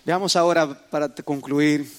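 A man preaching a sermon to his congregation, asking them questions and rising to loud, dramatic exclamations. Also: on the high side, fairly even intonation, unhurried.

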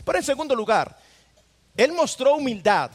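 A man's voice: very high-pitched, very animated, normal speed, slightly rough. A pastor preaching a sermon in an earnest way, asking his listeners rhetorical questions directly. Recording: long hall reverb.

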